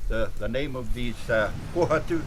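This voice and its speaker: A man giving a formal, measured speech at a ceremony, pausing with uh. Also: mid-range voice, noisy background. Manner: measured, with pauses and uh fillers. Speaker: speaker at a ceremony.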